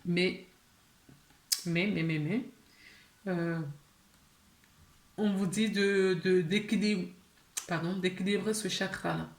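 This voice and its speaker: A woman's voice: lowish voice, steady tone, takes it slowly, long pauses, reverberant. A woman giving a casual tarot reading to her viewers, chatty, with many fillers, restarts and small laughs. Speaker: tarot card reader.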